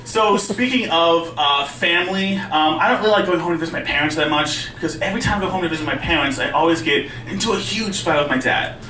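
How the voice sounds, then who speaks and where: Bright-voiced male comedian saying R like W. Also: on the high side, quick pace, hardly any pauses, soft background music. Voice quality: speech impediment, soft R's said close to W. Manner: conversational, self-deprecating. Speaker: stand-up comedian. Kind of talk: stand-up comedy storytelling. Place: indoor live stand-up venue with audience. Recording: roomy live club, distant mic, faint noise.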